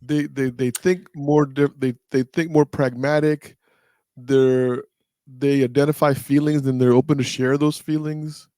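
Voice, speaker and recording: A man's voice: mid-range voice, steady tone, measured pace, mellow, no room sound, clean studio sound. A man hosting a casual podcast over a video call, teasing his co-host with playful questions.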